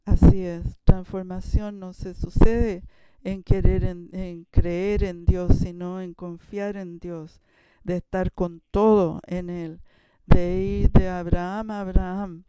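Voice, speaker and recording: A preacher giving a sermon, telling a story in a halting way with frequent restarts and sudden shifts between loud and soft. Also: mid-range voice, flat delivery, clear, resonant tone, dry recording.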